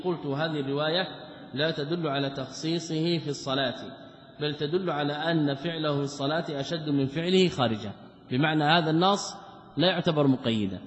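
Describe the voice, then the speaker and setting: Man teaching in an echoey hall. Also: on the high side. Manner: reads quoted passages, then explains them with rhetorical questions. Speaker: Islamic scholar teaching a text. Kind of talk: religious lesson, reading and explaining a commentary. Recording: muffled, echoey lecture hall recording.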